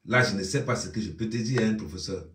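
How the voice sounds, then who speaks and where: A man's voice: quick pace, fairly bright tone, a little hiss or hum. Teasing man with a Cameroonian accent. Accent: Cameroonian French. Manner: teasing, mock-consoling, low-key. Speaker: comedic commentator. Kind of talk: mocking live commentary. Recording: roomy echo, distant mic.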